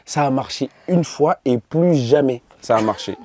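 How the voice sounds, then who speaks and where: A young adult man from Côte d'Ivoire, a comedian chatting in an interview and telling lively stories, acting out the dialogue. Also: medium pitch, normal speed. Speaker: comedian guest. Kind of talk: casual interview chat.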